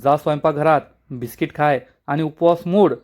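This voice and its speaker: A man's voice: a little high, steady tone, normal speed, a little mellow, natural voice. A man doing a scolding village mother. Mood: angry. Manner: scolding, harsh. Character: angry strict middle-aged village mother.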